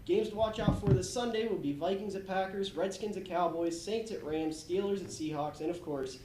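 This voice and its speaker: Casting: teenage male sports announcer, high soft-edged voice, echoey room, reading scripted school news. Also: fairly quick. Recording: echoey room, slight noise.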